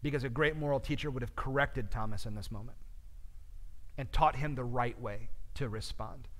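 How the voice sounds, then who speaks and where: A man's voice: mid-range voice, moderate pace, a bit bright. A man teaching a midweek Bible study in a church, talking conversationally with frequent fillers, with a long reverb.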